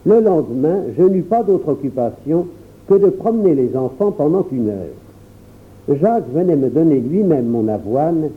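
Man narrating an audiobook, really animated delivery, sounds like over the phone. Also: fairly high pitch, unhurried, narrow, tinny audio. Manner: expressive, lively reading. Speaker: audiobook reader. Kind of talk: scripted first-person storybook narration.

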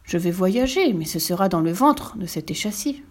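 A woman voicing a small, naive, polite female frog with high excited exclamations. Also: moderate pace, lightly acted. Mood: dismay.

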